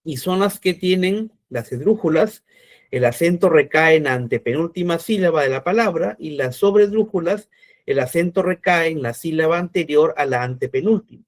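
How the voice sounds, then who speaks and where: Guy teaching an online class, kinda high voice, keeps checking in with students. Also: lively intonation, moderate pace. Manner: explains step by step, frequent "¿no?" checks.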